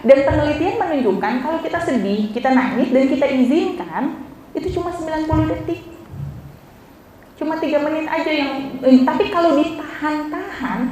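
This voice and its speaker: A woman giving a lively, interactive mental health talk to teenagers, often asking the audience questions. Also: high-pitched, normal speed. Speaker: seminar speaker on mental health. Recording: echoey hall with faint noise.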